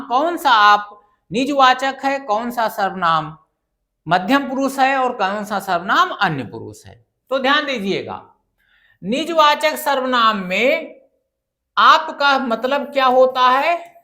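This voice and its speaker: A woman's voice: sits high, pushed and bright. A woman teaching a grammar lesson for exam students, patient and repetitive, often asking the class questions. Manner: patient, repeats key points and asks the class questions.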